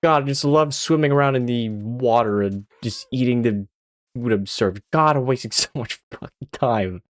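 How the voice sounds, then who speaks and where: The young Swedish streamer talks at normal speed in a medium-pitched voice, chatting casually as he plays. He swears often and laughs at his own jokes.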